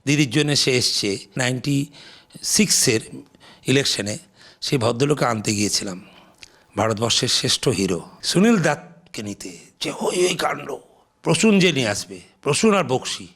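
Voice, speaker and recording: Gravelly older man telling stories. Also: mid-range voice, moderate pace. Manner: lively raconteur, acts out quoted people in Hindi. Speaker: interview guest. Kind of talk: storytelling anecdotes in an interview.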